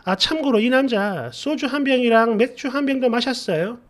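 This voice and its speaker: A man's voice: very high-pitched, normal speed. A man narrating a community post in the first person, in a conversational, complaining storytelling manner.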